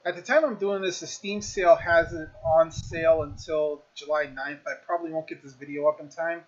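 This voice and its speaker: A man's voice: fairly high pitch, fairly even intonation, brisk, lo-fi sound. A man casually reviewing a video game on his stream, rambling with lots of fillers and restarts.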